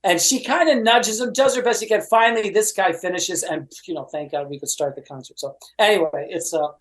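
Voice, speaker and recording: Animated male podcast guest telling stories. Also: high voice, a little fast, rough recording. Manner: lively storyteller, many "you know"s and quoted voices.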